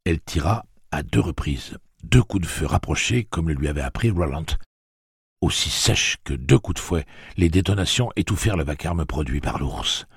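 A man reading a novel aloud as audiobook narrator, in an expressive, dramatic way. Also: rumbling low, normal speed, creaky, husky, dry recording, clean studio sound. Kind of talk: scripted narration.

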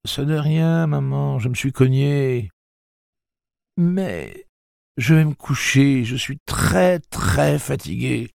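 A defiant teenage boy, curt and worn out, pushed well up in pitch from a deep, gravelly reading voice, as a man puts him on. He stretches his words out in slow, emphatic bursts. The recording is close and dry. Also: expressive, a little mellow, no echo, full character voice. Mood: weary.

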